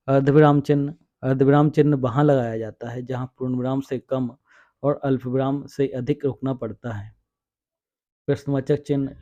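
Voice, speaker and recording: A man's voice: mid-range voice, warm tone. A man teaching a Hindi grammar coaching class, explaining step by step and reading out examples. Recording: dull lo-fi sound.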